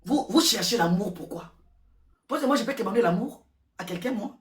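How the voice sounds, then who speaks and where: A woman giving casual gossip commentary, repeating words and switching languages in an excitable way. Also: medium pitch, a little fast. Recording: roomy echo, distant from mic.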